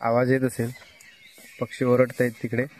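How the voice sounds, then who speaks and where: A young man talks casually into his phone camera while standing outdoors on a village hill. He points out the view to his viewers and calls out to animals and children along the way. His pitch sits in the ordinary middle range for a man. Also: completely flat delivery, normal speed, darkish tone. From Konkan, India. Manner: chatty, explains the view, calls out to animals and kids. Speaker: village vlogger. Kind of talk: casual vlog talk to viewers. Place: outdoors on a village hilltop at evening. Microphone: phone camera held while filming.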